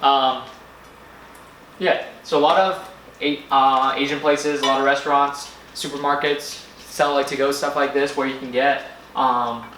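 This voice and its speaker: A man narrating a casual food vlog in a rambling, halting way, often searching for words. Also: medium pitch, flat delivery, pushed and bright. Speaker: food vlogger. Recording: echoey room with faint background noise.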